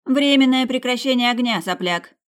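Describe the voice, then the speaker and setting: An audiobook reader voicing a brash, excitable young woman who shouts loudly. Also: moderate pace, smooth, natural voice. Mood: excited yelling. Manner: loud, high-pitched shouting. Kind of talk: audiobook character voice.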